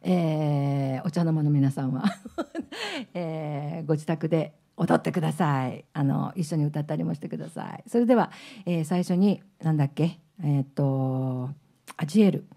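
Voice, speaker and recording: A woman's voice: low-pitched, animated, moderate pace, vocal fry, warm tone. A woman singer hosting her band's live stream from a small music club, chatting casually between songs, laughing often and teasing her bandmate. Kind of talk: casual onstage banter.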